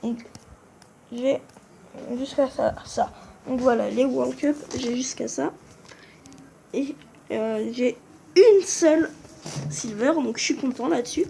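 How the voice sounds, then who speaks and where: A gaming video creator narrates a game video casually in a slightly high, warm, creaky voice with fairly even intonation. She speaks slowly, pausing often, and hesitates as she trips over and corrects names; the phone screen recording has a faint hiss or hum.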